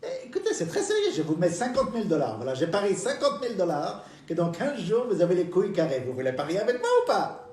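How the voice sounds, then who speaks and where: A sly, cunning old woman of ninety-five, as a man puts her on in a high, wavering falsetto. Her lines are drawn out and sing-song, and they rise and fall a great deal. The voice sounds roomy, as if heard from a distance. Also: huge pitch swings, quick pace, a little mellow, slight background noise.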